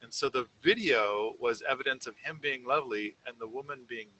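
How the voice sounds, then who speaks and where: A man's voice: mid-range voice, fairly quick, sharp tone, slight background noise, low-quality recording. A man co-hosting a casual podcast, rambling through a story with many fillers and restarts. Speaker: podcast co-host. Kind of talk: casual conversation.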